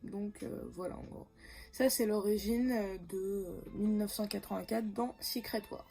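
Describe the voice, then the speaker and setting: A woman's voice: medium pitch, fairly even intonation, normal speed, gravelly, mellow, breathy edge, soft background music. A woman talking casually about comics for her channel, hesitant, with many fillers, self-corrections and frequent laughs. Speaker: comics YouTuber.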